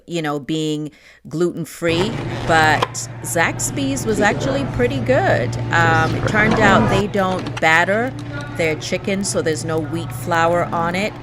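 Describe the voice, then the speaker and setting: A middle-aged woman with a low-pitched voice chats through a casual vlog. She speaks in a confiding, informal way, with music playing in the background. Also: a bit bright. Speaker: vlogger.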